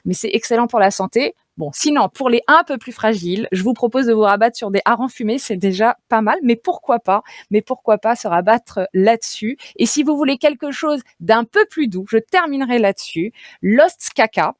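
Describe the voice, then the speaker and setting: A woman's voice: on the high side, expressive, moderate pace, few pauses, no echo, clean studio sound. A woman dietitian speaking on a radio show, chatty and playful, with many fillers and easy laughter. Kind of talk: radio nutrition segment, lively explaining. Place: radio studio. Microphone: studio radio mic.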